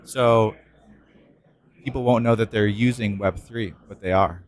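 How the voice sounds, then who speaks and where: A man's voice: fairly low pitch, steady tone, measured pace. A man co-hosting a casual podcast, talking loosely with many fillers and restarts. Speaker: podcast co-host.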